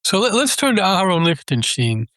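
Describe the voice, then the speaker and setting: Male rabbi host, slightly high voice, appreciative and probing, dry sound. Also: sing-song, brisk, pushed and bright, dry recording. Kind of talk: interview questions.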